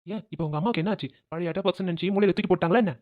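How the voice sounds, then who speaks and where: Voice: mid-range voice, dry recording, natural voice. A voice actor playing a theatrical young wife who fakes tears in a cartoon family drama. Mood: defiant. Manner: pert, quick, dramatic. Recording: dry, phone-like lo-fi sound.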